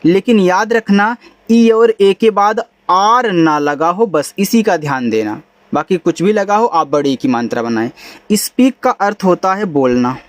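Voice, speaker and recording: A man's voice: high voice, animated, a little slow, no echo. A man teaching English in a spoken lesson, explaining spelling and pronunciation patiently in a casual, friendly way. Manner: casual and friendly, says bhai and yaar.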